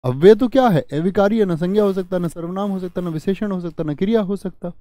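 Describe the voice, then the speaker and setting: A man's voice: sits high, quick pace, mellow, no room sound. A man teaching Hindi grammar in a live online class with a north Indian Hindi accent. He repeats key phrases to drive them home and answers viewer comments.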